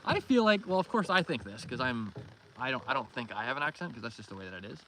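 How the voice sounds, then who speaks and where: A man with a Canadian accent hosts a livestream from a canoe on a pond, reading out and answering viewer comments and greeting and thanking viewers by name in a friendly, welcoming way. His mid-range voice is very animated, fast, pushed and bright. The noisy outdoor recording picks up water and canoe sounds.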